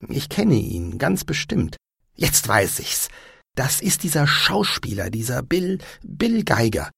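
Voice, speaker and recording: A man doing a calm, puzzled young man. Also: medium pitch, takes it slowly, creaky, slightly rough, dry recording, clean studio sound, heavily acted. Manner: calm, matter-of-fact.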